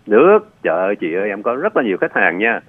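Male immigration lawyer, deep and gravelly voice, patient explainer, tinny phone-line sound. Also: big pitch swings, dry recording. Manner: patient, explanatory, frequent filler pauses. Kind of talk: radio call-in advice.

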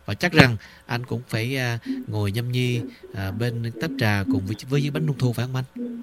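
A man's voice: medium pitch, normal speed. A man hosting a call-in radio show, speaking formally and courteously with many fillers. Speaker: radio host.

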